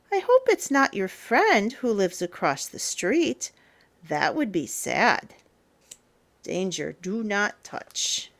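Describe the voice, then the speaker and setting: Reading a children's picture book aloud, a storyteller and teacher performs it theatrically and playfully, drawing out words for emphasis. She speaks at a medium pitch.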